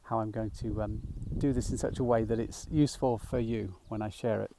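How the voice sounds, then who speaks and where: A middle-aged man talking gently while walking outdoors, a little out of breath, rambling with fillers as he guides a mindfulness practice. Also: fairly low pitch, fairly even intonation, a little fast, creaky, slight background noise. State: slightly out of breath. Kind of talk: casual walking vlog. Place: outdoors in a field by a small woodland.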